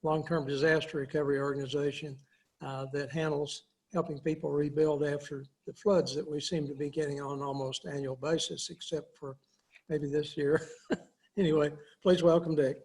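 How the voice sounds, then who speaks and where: A man on a video call introduces a guest in a casual, jokey way. His voice sits a bit high for a man, and he laughs lightly between phrases. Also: little pitch movement, moderate pace, darkish tone, husky.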